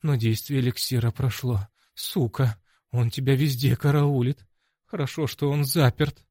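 A man's voice: medium pitch, steady tone, moderate pace, darkish tone, dry recording, clean studio sound, close to an everyday voice. A man voicing a small sardonic male demon that perches on the hero's shoulder, talking urgently. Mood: bitter.

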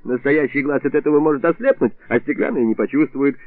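A man's voice: mid-range voice, animated, fast talker, no room sound, natural voice. A man voicing a drunk doctor who rambles on in mock reasoning, over tinny radio sound. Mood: rambling. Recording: tinny narrowband radio, dry.

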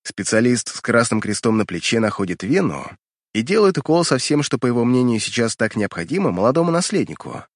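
A man's voice: mid-range voice, big pitch swings, brisk, no echo, clean studio sound. A man narrating fiction from a script as an audiobook reader, in a dramatic storytelling style.

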